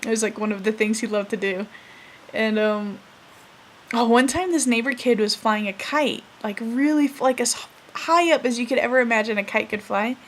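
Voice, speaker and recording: Woman, 20s, slightly high voice, soft and halting vlog storytelling with lots of fillers; faint hiss under the audio. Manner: soft-spoken, hesitant, full of fillers and self-corrections; laughs while recalling funny moments. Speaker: vlogger. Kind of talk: casual storytelling to camera.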